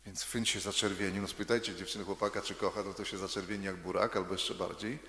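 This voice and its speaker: Low, gravelly male storyteller, chatty, asks the kids questions, echoey hall with a long reverb. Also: fairly even intonation, quick pace, sharp tone. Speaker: storyteller for children. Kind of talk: storytelling to children.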